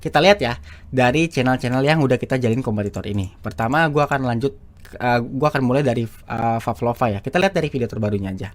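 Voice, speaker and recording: A man's voice: medium pitch, fast. A man giving a casual lesson on speaking for short videos, chatty and full of fillers and restarts. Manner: chatty, repeats himself, many fillers and restarts. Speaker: YouTube teacher of public speaking. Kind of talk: casual screen-share lesson.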